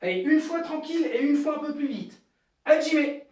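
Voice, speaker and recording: High-voiced karate teacher in an echoey hall. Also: male voice, animated, a little fast. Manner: calls counts and kiai shouts between explanations. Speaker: karate instructor. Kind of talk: online class instruction. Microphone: camera at a distance. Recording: echoey room, voice far from the mic.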